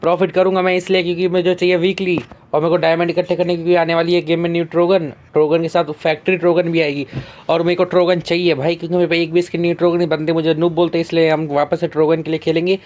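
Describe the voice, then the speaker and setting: A young man narrates his tournament gameplay in a quick, slangy, chatty way. His voice sits a little above the usual male range. He hurries through every line. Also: fairly high pitch, flat delivery, a little mellow. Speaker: gaming YouTuber. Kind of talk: casual gameplay commentary.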